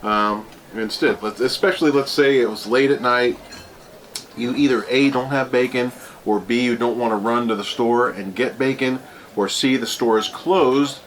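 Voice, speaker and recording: Male food reviewer, mid pitch, casual and rambling, faint background noise. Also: moderate pace. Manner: rambling, thinking aloud. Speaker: food reviewer hosting a taste test. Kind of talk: casual chat, taste-test review. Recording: clearly noisy room ambience.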